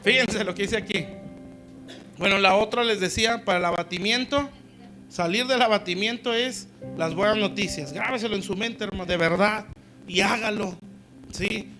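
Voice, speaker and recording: A male pastor preaching conversationally, often checking in with "¿sí?" and acting out quoted voices. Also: high voice. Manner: acts out quoted voices in dialogue. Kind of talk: sermon. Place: church service.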